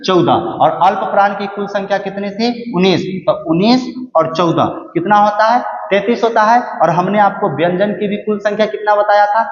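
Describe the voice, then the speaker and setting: Male teacher, high voice, quizzes the class then answers himself; roomy, long-reverb, dull lo-fi recording. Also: normal speed, hardly any pauses. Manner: asks the class questions and answers them himself, repeats key words. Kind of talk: grammar lesson. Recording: echoey room, muffled lo-fi sound.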